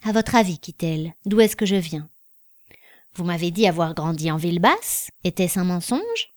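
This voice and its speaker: A woman's voice: fairly low pitch, big pitch swings, normal speed, no room sound, clean studio sound. Troubled man, read by a woman, guarded, hesitant, earnest, storybook.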